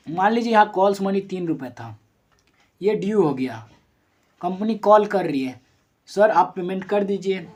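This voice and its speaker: This commerce teacher's voice sits at medium pitch with a somewhat dark tone. The recorded lesson moves step by step through worked number examples, addressed straight to the students. Questions get asked and then self-answered, and sentences are corrected partway through.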